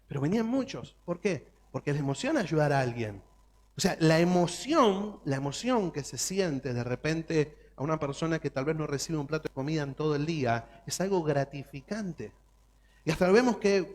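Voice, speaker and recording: A man's voice: high voice, darkish tone. A man preaching a sermon as pastor, emphatic and full of rhetorical questions.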